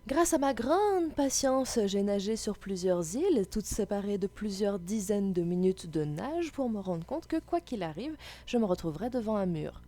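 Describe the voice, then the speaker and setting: A woman's voice: mid-range voice, mellow. A woman ranting about her game as a fed-up, sarcastic raging gamer who explains her misfortune step by step. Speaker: gamer telling a gaming story. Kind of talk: gaming rant, explanatory narration.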